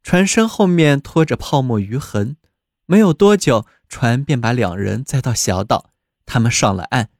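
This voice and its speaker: A man reading a fairy tale aloud with an expressive, descriptive delivery. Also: medium pitch, normal speed, dry recording, clean studio sound. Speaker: storyteller.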